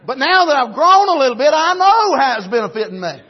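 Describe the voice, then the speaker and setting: A middle-aged Appalachian man who grew up on a farm in the rural United States preaches in a folksy storytelling style. His very high voice swings widely in pitch and moves a little fast, and he repeats and restarts phrases for emphasis. The sermon recording is dull and lo-fi.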